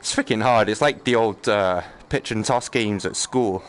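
Over game ambience and noticeable background noise, a gaming streamer jokes at his own expense while muttering and exclaiming through casual live commentary. His voice is smooth, on the low side, at a moderate pace.

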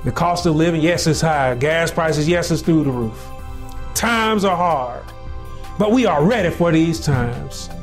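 A pastor in his forties gives an animated sermon in a small indoor room, miked with a lapel mic, as faint music plays behind him. He moves between slow, extended phrases and shouted peaks, his voice on the high side.

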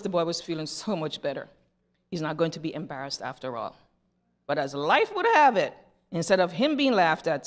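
A woman's voice: fairly low pitch, big-room sound. A woman giving a children's message in church, telling a story, asking the children questions and leading a prayer. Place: church sanctuary.

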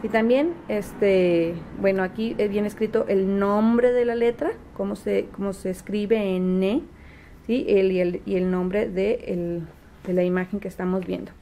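A woman showing how she teaches her son to read at home, sounding out letters slowly and patiently with frequent fillers. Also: mid-range voice, fairly even intonation, warm tone, a little hiss or hum. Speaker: homeschooling mother. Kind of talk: casual home teaching demonstration. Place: home, at a table.

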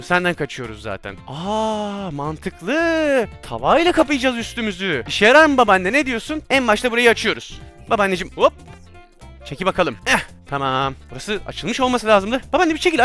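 A man giving excitable, chatty VR gameplay commentary and talking straight to his viewers. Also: high-pitched. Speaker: gaming YouTuber.

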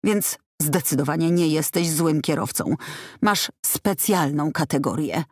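A woman voicing a deadpan male friend who teases with a dry mutter. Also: a little high, a little slow, dry recording. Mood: teasing.

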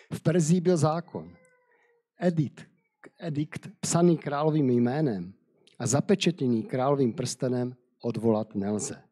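Husky-voiced man reading scripture. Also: mid-range voice, a little mellow. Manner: hesitant, with fillers when speaking freely. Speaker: preacher.

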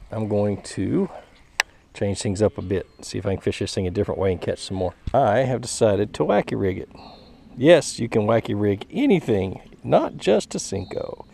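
A young man hosting a fishing vlog, explaining his technique in a relaxed way while casting from a pond bank, recorded on a head-mounted camera outdoors. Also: lowish voice, moderate pace, creaky. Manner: relaxed, explaining as he fishes, chuckling. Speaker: fishing channel host. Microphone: head-mounted action camera. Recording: outdoor camera mic with faint background noise.

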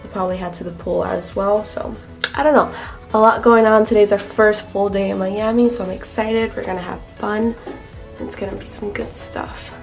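A woman's voice: medium pitch, fairly even intonation, a little fast, gravelly. Young woman, casual vlog chat, upbeat and talkative, handheld camera, faint music underneath. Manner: chatty, upbeat, talks straight to viewers. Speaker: vlogger. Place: hotel room and beach.

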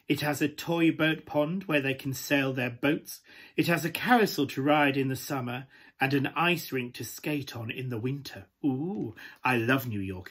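A man performing a glamorous, camp pantomime dame with a British accent and a husky, breathy voice, coaxing listeners through a children's story. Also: medium pitch, fairly bright tone. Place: small room at home, indoors.

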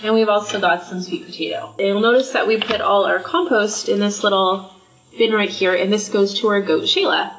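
Here a young woman hosts a relaxed cooking demonstration in her home kitchen, talking through each step. Her mid-range voice is steady, brisk, and a bit bright. There's a little hiss or hum, plus roomy kitchen sound and faint music.

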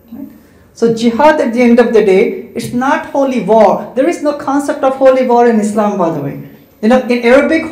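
In an echoey community hall, a man holding a handheld mic answers students' questions as an Islamic speaker; Hindi and Urdu are his first languages. His voice is very high and a little mellow. He explains methodically, listing points and asking "right?" to check in.

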